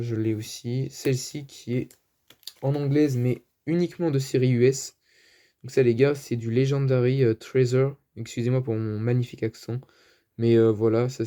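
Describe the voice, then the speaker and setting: A man's voice: medium pitch, dark tone. A man with a French accent presenting his card collection in a casual, hesitant chat full of fillers. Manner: chatty, hesitant, many fillers. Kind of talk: casual show-and-tell.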